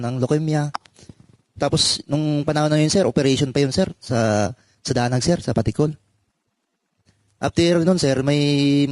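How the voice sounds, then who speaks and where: A man, a former marine, giving a halting personal account in an interview and calling the host "sir" again and again. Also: medium pitch, a little mellow, dry recording. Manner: halting, says "sir" often.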